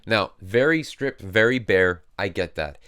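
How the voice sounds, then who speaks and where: A man's voice: lowish voice, a little slow. A man who is a music producer, talking casually through his process as he works. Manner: relaxed, explains as he works. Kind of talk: casual tutorial talk.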